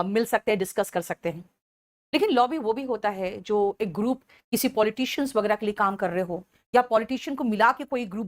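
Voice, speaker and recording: A woman teacher giving an exam-prep vocabulary lesson, animated, calling her students "beta" and slowing down to dictate English definitions. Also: on the high side.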